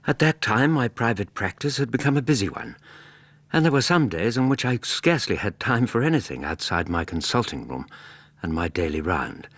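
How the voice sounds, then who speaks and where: An actor playing a genial, measured English doctor in a radio drama, with a husky voice and an English accent. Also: male voice, on the low side, a bit bright, no echo, full character voice. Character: genial, measured married doctor recounting his memoirs. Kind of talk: radio drama narration and dialogue.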